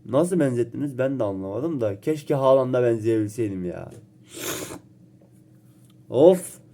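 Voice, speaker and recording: A man's voice: mid-range voice, expressive, warm tone. A young man chatting casually to his viewers in a joking, self-teasing way, slightly ill so his voice sounds a bit off. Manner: joking, playful, quick reactions and self-teasing. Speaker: vlogger. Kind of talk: casual chat to camera.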